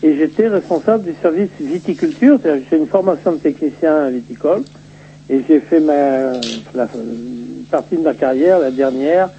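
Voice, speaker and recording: Man in his sixties on a crackly phone line. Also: on the high side. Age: 60s. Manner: halting, repeats words and restarts phrases. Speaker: phone-in guest on a radio show. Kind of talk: hesitant radio interview over the phone. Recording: noisy lo-fi telephone line.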